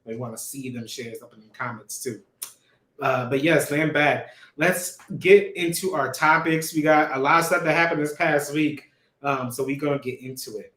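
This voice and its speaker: A man's voice: a little high, steady tone, normal speed, fairly bright tone. A man hosting a casual livestream, loose and informal, laughing often as he talks. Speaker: show host. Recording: echoey room.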